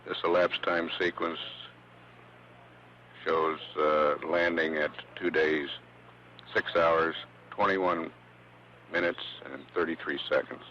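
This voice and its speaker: Male mission commentator, extremely low and bright-edged, measured and halting, on a muffled archival feed. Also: fairly even intonation. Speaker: mission control public affairs announcer. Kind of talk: live spaceflight status commentary. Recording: dull archival feed with faint hum.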